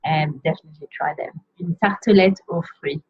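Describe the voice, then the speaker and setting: A woman teaching French pronunciation in a video lesson, slowly modelling each word for learners to repeat. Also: deep voice, husky. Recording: dull lo-fi sound.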